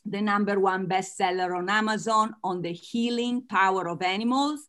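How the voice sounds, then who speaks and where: This guest author from Italy has a medium-pitched, somewhat bright voice and talks at a moderate pace. Her Italian accent comes through as she earnestly responds to interview questions, breaking into soft laughter between points.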